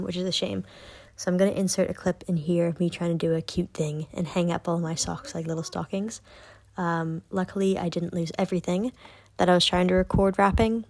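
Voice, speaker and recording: A young woman with a Bermudian accent, chatting casually as a knitting vlogger, relaxed and full of little ums. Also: on the low side, creaky. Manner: relaxed, many ums, softly spoken at times.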